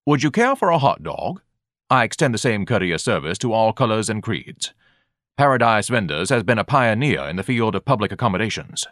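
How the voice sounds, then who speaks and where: A man's voice: fairly low pitch, sing-song, brisk, fairly bright tone, dry recording, clean studio sound. A man voicing a pompous, fussy male hot-dog vendor who speaks in a lofty, disdainful way.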